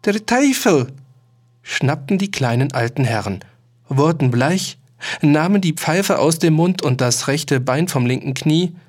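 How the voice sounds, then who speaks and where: A man voicing a chorus of fretful little old men who shriek and curse in a shrill, panicky way. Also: lively intonation, a little slow. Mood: shocked.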